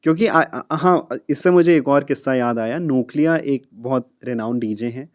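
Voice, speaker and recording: A man being interviewed on a podcast, telling career stories in a lively way and switching freely between Hindi and English. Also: medium pitch, normal speed, no room sound, studio quality. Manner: animated storyteller who acts out dialogue and sounds. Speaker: podcast guest, radio jockey. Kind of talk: casual interview storytelling.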